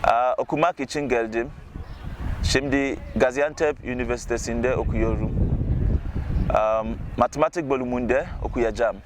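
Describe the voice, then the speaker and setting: Young Ghanaian man, halting learner's Turkish delivery. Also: medium pitch, steady tone, noisy background. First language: not Turkish. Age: young adult. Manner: halting, learner's speech with searching pauses. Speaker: international university student. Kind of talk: informal testimonial to camera.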